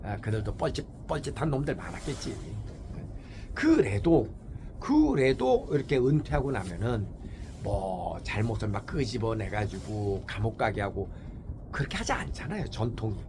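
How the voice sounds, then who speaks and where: A man hosting a morning talk show in a casual opinion monologue, animated and rhetorical, often asking his listeners "eh?" and acting out other people's voices. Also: lowish voice, moderate pace, noisy background. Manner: acts out quoted voices.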